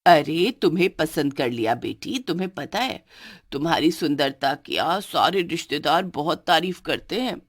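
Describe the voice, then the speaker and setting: A woman's voice: low voice, animated, moderate pace. A woman voicing a bossy older mother-in-law in a cartoon story who gives orders and scolds. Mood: doting. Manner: commanding, scolding. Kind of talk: cartoon voice acting.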